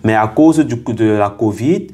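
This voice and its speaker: A man's voice: lowish voice, normal speed, dark tone. A young man from Cameroon, earnestly telling his story as an interview guest and repeating phrases for emphasis.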